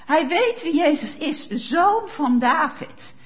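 A woman's voice: high-pitched, expressive, slow pace, lo-fi sound. A woman preacher giving a sermon, speaking emphatically and asking rhetorical questions of her listeners. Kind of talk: sermon with Bible reading.

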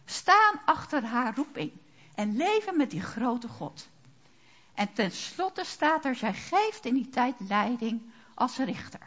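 A woman's voice: fairly high pitch, very animated, slow, a bit bright, muffled recording. A woman preaching a sermon, asking the congregation rhetorical questions.

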